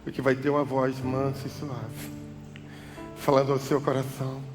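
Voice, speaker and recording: Brazilian pastor preaching, goes from shouting to almost whispering, echoey church hall. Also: male voice, medium pitch, level tone, moderate pace. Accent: Brazilian Portuguese. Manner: preaching with big swings from loud cries to soft hushed tones. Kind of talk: sermon. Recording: church hall reverb with music behind.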